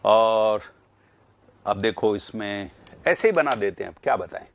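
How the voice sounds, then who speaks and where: A man's voice: fairly low pitch, expressive, a little slow. A man teaching a live online exam-prep class, reading out students' names and drilling pronunciation aloud.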